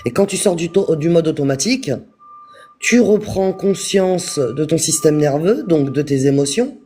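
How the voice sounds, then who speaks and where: Man, high-pitched voice, mellow tone, calm spiritual teacher, repeats himself, talks straight to viewers on a live stream. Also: moderate pace, faint music behind. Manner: calm, repetitive, addresses viewers directly.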